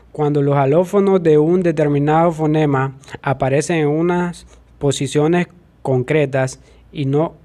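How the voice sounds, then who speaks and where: A man reading phonetics definitions aloud in a careful, measured way. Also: fairly high pitch, darkish tone.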